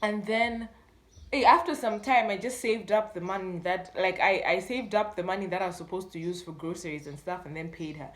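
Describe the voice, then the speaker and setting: Brisk and lowish-voiced, a young adult woman with a Malawian accent tells a casual story for YouTube, animatedly voicing the dialogue. The room has an echoey sound.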